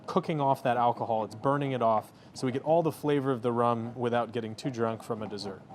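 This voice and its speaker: A man's voice: medium pitch, fast talker, a little hiss or hum. A man, a company founder, talking confidently through a cooking demo and interview in a studio kitchen. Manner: confident, energetic, explains as he works.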